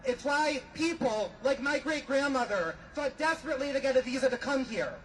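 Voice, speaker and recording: A young man giving an impassioned podium speech as a student at a rally, speaking in a deliberate, emphatic, declamatory way. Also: very high voice, animated, a bit bright, a little hiss or hum, rough recording. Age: young adult.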